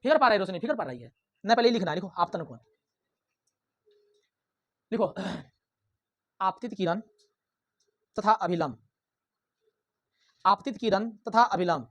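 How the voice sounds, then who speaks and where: Guy teaching physics to a class, loud and drilling, keeps asking stuff then answering it himself. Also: high-pitched, lively intonation, unhurried, pauses often. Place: classroom with students.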